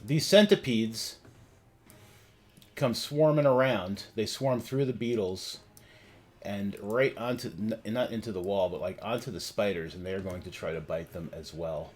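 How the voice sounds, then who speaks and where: A man narrating a tabletop game as game master, casual and halting as he thinks aloud. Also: on the low side, a little mellow.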